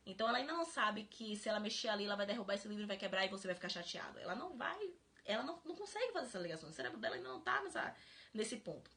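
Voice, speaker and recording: A woman hosting a live-stream book club, explaining in an animated way and laughing often. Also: fairly high pitch, gravelly. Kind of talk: casual live-stream talk.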